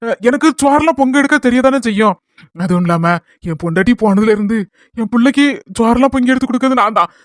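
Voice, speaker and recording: A man voicing a gentle, fussing elderly father in a cartoon, with a Kanyakumari Tamil accent. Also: extremely high pitch, fast, no room sound, clean studio sound. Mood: fond. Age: older. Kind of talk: cartoon voice acting.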